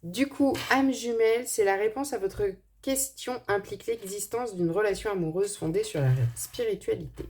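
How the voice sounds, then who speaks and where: A woman's voice: mid-range voice, normal speed, hardly any pauses, darkish tone, a little hiss or hum. A woman with a slight lisp on her s sounds, giving an informal card reading and thinking aloud in a hesitant way. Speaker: tarot and angel card reader.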